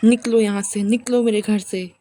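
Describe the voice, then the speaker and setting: A woman voicing a stern, wealthy old grandmother who shouts and scolds. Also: mid-range voice, fairly even intonation, normal speed, soft background music, natural voice. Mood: furious scolding.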